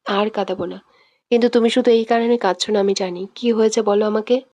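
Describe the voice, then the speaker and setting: A woman's voice: a little high, normal speed, darkish tone, muffled recording, close to an everyday voice. Woman voicing a stern, tender young man. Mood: soft, coaxing. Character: stern possessive young man, tender yet quick-tempered. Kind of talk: scripted audio drama reading.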